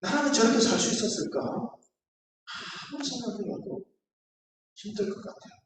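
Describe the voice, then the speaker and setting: A man's voice: very high-pitched, moderate pace, recorded from a distance, a little hiss or hum. A male pastor preaching a sermon with earnest storytelling that builds to emphatic appeals. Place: church sanctuary. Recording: echoey church hall from afar, faint ambience.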